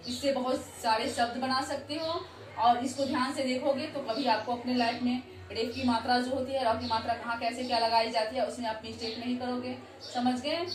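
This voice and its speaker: A woman teaching a Hindi lesson to children, who repeats words slowly and often checks that they understand. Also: sits high, a little hiss or hum. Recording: echoey room, voice from far off.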